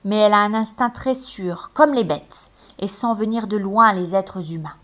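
A woman reading a fairy tale aloud with expressive storytelling. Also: mid-range voice, moderate pace. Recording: muffled, dull recording.

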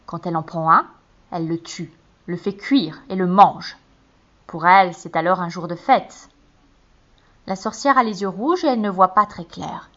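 A woman reading a fairy tale aloud with expressive storytelling. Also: on the low side, normal speed. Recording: muffled, dull recording.

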